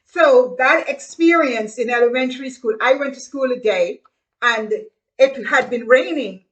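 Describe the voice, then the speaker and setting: On poor audio, a woman's voice sits high and moves a little slowly. She is a middle-aged host from Guyana with a Guyanese accent, giving a chatty storytelling monologue about growing up, laughing as she reminisces and repeating phrases.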